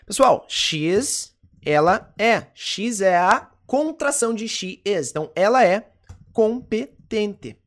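An English teacher with a Brazilian Portuguese accent, giving a lesson and slowly repeating each phrase with frequent check-ins. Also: medium pitch, expressive. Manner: slow careful repetition, frequent "ok?" check-ins. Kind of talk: online language lesson.

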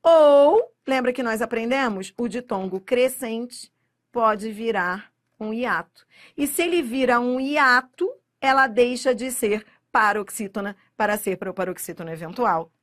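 A woman with a Brazilian accent gives a grammar lesson aimed at exam takers, her voice sitting a little high for a woman. She speaks directly to the viewer, drawing out the key words slowly and then hurrying through the explanations around them. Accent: Brazilian Portuguese. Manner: emphatic, drawn-out stressing of key words, direct address to the viewer. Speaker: Portuguese grammar teacher. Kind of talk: exam-prep lecture to camera.

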